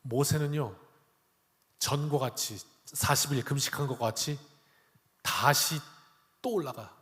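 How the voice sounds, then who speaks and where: A man's voice: mid-range voice, a little slow, a bit bright, big-room sound. A male pastor preaching a Sunday sermon, dramatic, acting out angry quoted lines and questioning the congregation. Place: church sanctuary.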